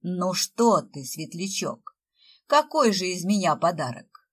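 A woman's voice: fairly low pitch, big pitch swings, slow, husky, exaggerated voice. A woman reading a joking man in a Father Frost role. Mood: teasing. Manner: joking, theatrical, mock-solemn. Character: playful teasing man posing as Father Frost.

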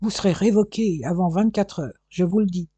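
Man putting on a furious cornered crook, vehement, dark husky voice, dry sound. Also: high voice, normal speed, no echo, pitched above the performer's own voice. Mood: indignant. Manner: protesting, vehement. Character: vehement cornered male criminal, indignant.

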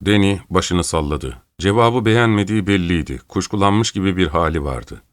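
A man's voice: sits low, expressive, moderate pace, no room sound, clean studio sound. A man narrating a story aloud and changing his voice a little for each character. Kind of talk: storybook reading.

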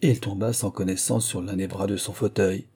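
Man, historical tale narration, measured pace, low pitch, husky. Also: fairly even intonation, dark tone. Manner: measured literary reading.

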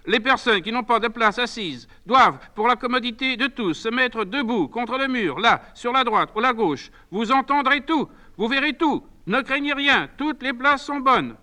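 A man reading a play aloud and voicing a fussy, excitable old man who urgently pleads with a crowd. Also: very high-pitched, normal speed, hardly any pauses, heavily acted. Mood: pleading.

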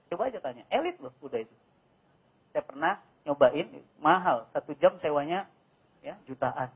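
A man, giving a lively sermon full of jokes and rhetorical questions. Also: on the high side, moderate pace, vocal fry, husky. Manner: animated, joking, asks rhetorical questions. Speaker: preacher. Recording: dull lo-fi recording.

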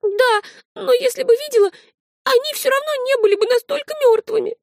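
A woman reading an audiobook, voicing a frightened, tearful little girl with a high, shrill, breathless voice. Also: a little fast, no room sound, clean studio sound.

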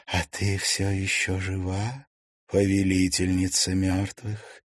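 A man's voice: on the high side, expressive, unhurried, a little mellow, dry recording, clean studio sound, pitched above the performer's own voice. A male reader voicing a vengeful female ghost who has possessed a girl, mocking and screaming at the people around her.

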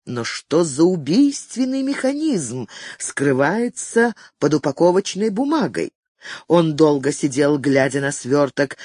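A narrator reading a novel aloud in a measured, expressive audiobook style. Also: medium pitch, husky, no echo, studio quality.

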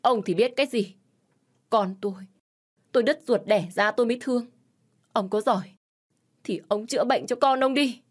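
Woman doing a distraught storybook mother, wailing, pleading, raised and pitched up, husky edge. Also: moderate pace, long pauses, close to an everyday voice. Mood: indignant. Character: distraught middle-aged mother pleading over her son.

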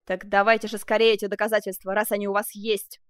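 A woman voicing an angry, impatient French king in an audiobook, speaking in loud, commanding demands. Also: on the high side, fairly quick, no echo, studio quality, close to an everyday voice. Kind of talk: audiobook character voice.

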